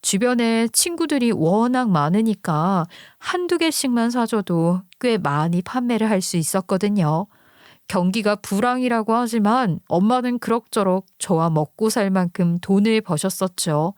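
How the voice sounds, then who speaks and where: A woman narrating a listener's true story in the first person, calm and recounting. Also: medium pitch, moderate pace, no room sound, studio quality.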